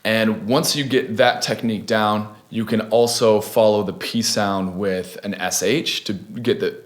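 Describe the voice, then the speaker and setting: A man's voice: on the low side, fairly even intonation, unhurried. Laid-back young man teaching beatbox. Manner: laid-back, chatty, many fillers and restarts. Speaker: beatbox tutorial host. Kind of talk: casual video tutorial.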